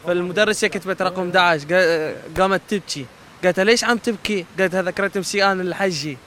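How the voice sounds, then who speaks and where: A man tells jokes fast and playfully, his voice high. He jumps up in pitch when voicing the women in his jokes. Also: a bit bright, slight background noise. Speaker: passer-by telling jokes.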